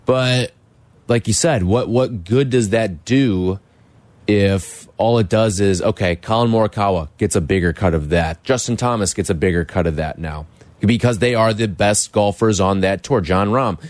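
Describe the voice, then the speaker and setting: Man, American accent, slightly low pitch, opinionated sports talk host, emphatic, dry close studio mic. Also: moderate pace, darkish tone, no echo. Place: radio studio. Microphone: close studio microphone.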